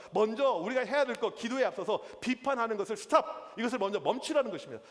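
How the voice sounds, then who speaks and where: A young man preaching a youth sermon as pastor, telling stories and acting out the lines of people in them. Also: sits high. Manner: lively storytelling with acted-out quotes. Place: church hall. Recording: reverberant church hall.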